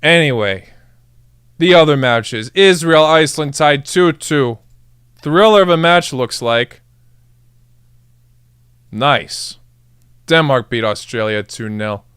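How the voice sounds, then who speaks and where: A man's voice: fairly high pitch, lively intonation, slow, long pauses, fairly bright tone, clear, resonant tone, no room sound, studio quality. A young man streaming a live football reaction, hyped up, cheering and talking to his chat. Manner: hyped, chants and cheers, addresses chat as guys. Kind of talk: excited live match reaction.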